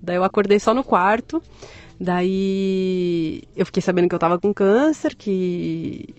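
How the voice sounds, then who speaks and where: A woman's voice: lowish voice, a little slow, dry recording, dull audio, soft background music. A woman, telling her story as an interview guest, candid and joking, acting out the voices of people she quotes. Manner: candid, animated, joking, acts out quoted speech. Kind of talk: conversational storytelling.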